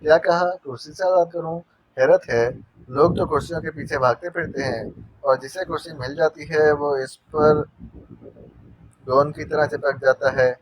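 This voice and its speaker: A man's voice: on the high side, fairly even intonation, normal speed, no echo, natural voice. A man voicing a male spy who mocks his captive with silly, teasing wordplay, in an audio novel. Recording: dull dry narration recording.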